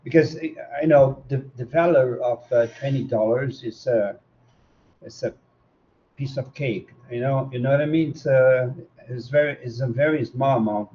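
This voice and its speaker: A man asks his question on an online class, halting and full of fillers. His voice sits in a middle register. The call audio sounds dull. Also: mid-range voice. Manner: hesitant, many uh's and repeats. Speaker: class participant.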